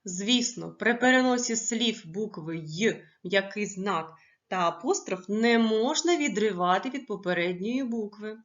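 A woman teaching a primary school lesson, stressing each word slowly and clearly for young pupils. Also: mid-range voice, animated, highs cut off. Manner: slow, clearly stressed dictation of words.

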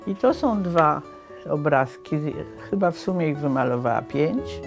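A woman's voice: deep voice, expressive, unhurried, gravelly. An older woman in her seventies recalling family history for a documentary, speaking in a book-lined study. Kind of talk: documentary reminiscence. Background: faint guitar music.

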